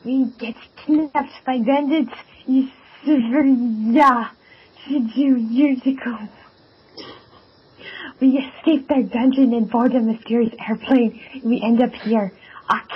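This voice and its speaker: A man's voice: very high-pitched, steady tone, takes it slowly, husky, exaggerated voice. A man voicing a male pony who talks in a fake Swedish accent with broken grammar, in an amateur fan reading. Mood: bluffing. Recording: muffled lo-fi with faint hiss.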